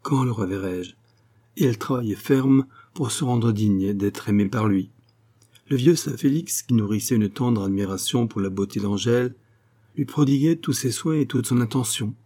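A man with a mid-range voice reads a classic novel as an audiobook, measured yet expressive.

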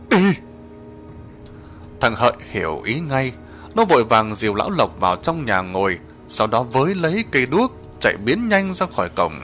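A man narrating a horror story in a dramatic, expressive reading. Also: medium pitch.

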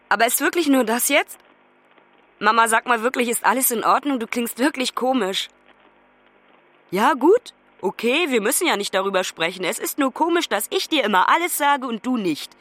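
A woman's voice: fairly high pitch, a bit bright. An actress playing a lonely young woman who calls her mother from abroad, talking urgently and pleadingly. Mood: probing. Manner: urgent, pleading phone talk. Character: lonely young woman traveller, anxious and affectionate. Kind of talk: radio play acting.

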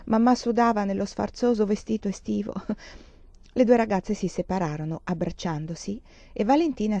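A woman reading a novel aloud in a measured, expressive narration, close to the mic. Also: mid-range voice, no echo. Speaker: audiobook reader.

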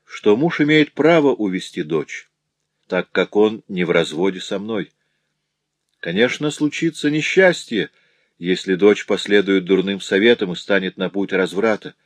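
A man's voice: deep voice, lively intonation, measured pace, no room sound. A man voicing a grieving beaten mother. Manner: sorrowful, pleading storytelling.

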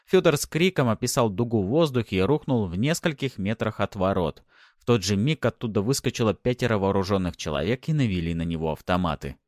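Lively low-voiced male audiobook narrator. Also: fast, dry recording, studio quality.

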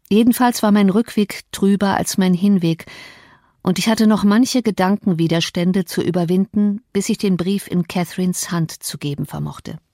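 A woman narrating an audiobook in a measured, reflective way, close to a studio mic. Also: mid-range voice, warm tone, no echo.

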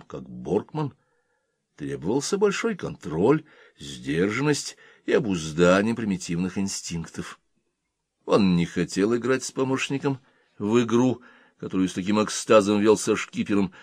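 A man reading an audiobook in measured, expressive narration. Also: sits low, dry recording, clean studio sound. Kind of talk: scripted narration.

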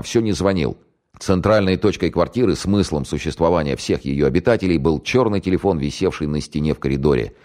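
A man narrating a spy novel in an expressive, wry storytelling manner. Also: low voice. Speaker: audiobook narrator.

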